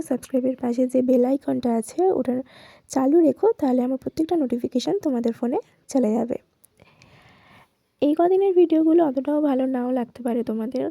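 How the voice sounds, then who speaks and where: A woman narrating her daily-life vlog in a quiet, hushed voice, recorded at home while lying in her bedroom. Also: sits high, dry recording. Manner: quiet, hushed voice-over with a gravelly edge. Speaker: vlogger. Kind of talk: soft-spoken daily-life vlog voice-over.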